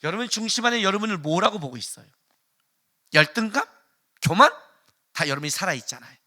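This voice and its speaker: A male pastor preaching a sermon, firing rhetorical questions at the congregation and swinging between loud, emphatic outbursts and hushed asides. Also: high-pitched, lively intonation, quick pace.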